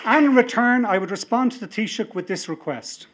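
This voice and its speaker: A middle-aged Irish man, slightly high-voiced, delivers a convention speech into a podium microphone. He builds toward emphatic, rousing appeals. The hall is large and full. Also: animated, brisk, dull audio, heavy background noise. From Ireland. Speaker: party leader. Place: large hall with a seated audience, indoors.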